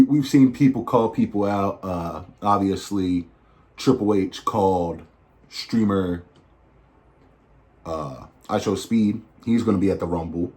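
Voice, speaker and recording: A man hosting a podcast, talking casually and digressively, with animated asides. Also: fairly low pitch. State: recovering from flu. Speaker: podcast host. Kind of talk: casual wrestling predictions.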